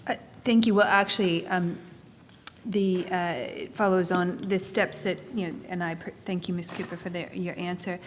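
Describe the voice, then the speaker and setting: Low-voiced woman senator, persistent questions. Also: fairly even intonation, long reverb tail, slight background noise. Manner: measured, persistent questioning with fillers. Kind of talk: parliamentary committee questioning.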